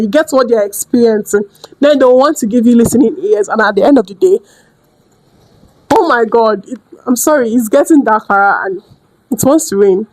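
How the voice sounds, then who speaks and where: Woman, a higher voice, dry close sound, direct coach who acts out her examples. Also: no echo, poor audio. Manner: direct and lively, acts out customers and sellers. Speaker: business coach. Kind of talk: casual teaching vlog. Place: indoors at home during a rainstorm.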